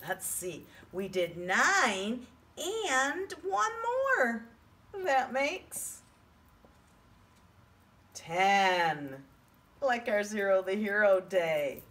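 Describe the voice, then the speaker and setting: Female preschool teacher, broad singsong delivery for small children, unhurried and highly animated in pitch, coaxing questions. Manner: asks coaxing questions and counts aloud slowly. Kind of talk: children's math lesson to camera.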